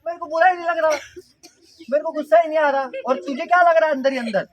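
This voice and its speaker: A man's voice: extremely high pitch, quick pace, heavy background noise. A man leading a mind-power workshop for school students, talking playfully and quizzing the audience with questions. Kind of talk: interactive talk to school students.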